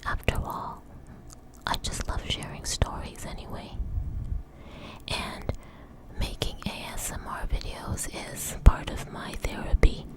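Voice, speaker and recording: A woman whispering very close to the mic in an ASMR style, breathy with soft mouth sounds, rambling gently and reassuringly. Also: poor audio. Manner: slow, unstructured, reassuring. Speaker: ASMR video host.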